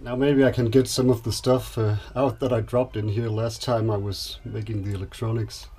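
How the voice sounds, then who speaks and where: Narrating his DIY vlog inside a small boat cabin, a Danish-accented man in his thirties or forties speaks at a moderate pace in a level, slightly mellow, medium-pitched voice. He comes across as hesitant and understated, and clear background noise is audible on the camera audio.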